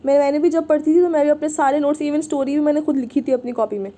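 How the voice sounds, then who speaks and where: High-voiced woman teaching, mellow tone. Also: fairly even intonation, fast. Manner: patient, repeats "ठीक है" often. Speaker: Arabic teacher. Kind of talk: online class lesson.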